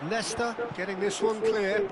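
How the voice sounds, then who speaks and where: A man voicing lively play-by-play commentary in a football video game. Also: sits high, a little slow. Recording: loud stadium noise behind.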